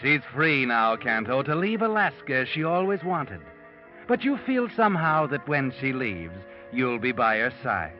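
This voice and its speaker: A man's voice: mid-range voice, big pitch swings, moderate pace, close to an everyday voice. A man playing the Whistler, an ominous radio narrator. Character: mysterious male narrator speaking to the guilty. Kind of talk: 1940s radio drama narration. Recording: dull old radio broadcast with music.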